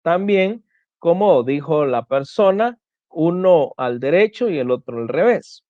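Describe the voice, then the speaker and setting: A man's voice: fairly high pitch, lively intonation, measured pace, no room sound. A man teaching an online class, explaining step by step and often restarting his phrases. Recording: dull lo-fi dry sound.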